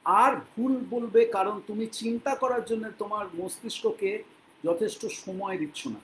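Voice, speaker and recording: High-voiced Bengali man teaching English. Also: slight background noise, low-quality recording. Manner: patient, repeats words slowly for learners to copy. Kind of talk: spoken English lesson in Bengali.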